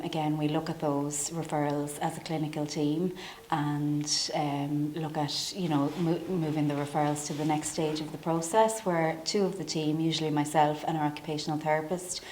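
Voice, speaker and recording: An Irish woman, a services manager, explaining her work in an interview in a clear, measured way. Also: low voice, darkish tone, echoey room, a little hiss or hum, rough recording. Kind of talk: professional interview.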